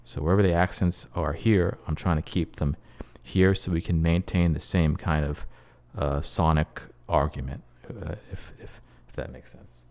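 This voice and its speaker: A man's voice: sits low, steady tone, normal speed, few pauses, darkish tone. A man composing at his computer, talking through his process casually and muttering and humming phrases as he writes. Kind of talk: casual screen-share tutorial, thinking aloud.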